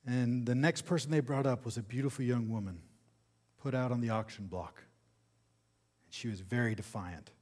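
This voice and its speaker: A male preacher telling a sermon story dramatically, swinging from loud passages to near-whispers. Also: medium pitch. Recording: long hall reverb.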